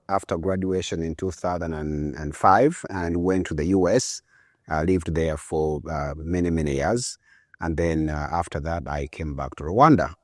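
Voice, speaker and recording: A man in his forties from Uganda, a guest on a podcast, talks in a relaxed, reflective way and often pauses on fillers. His voice is very low and recorded dry and close. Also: no echo. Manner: relaxed, thoughtful, with frequent fillers. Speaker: guest entrepreneur. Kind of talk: conversational interview.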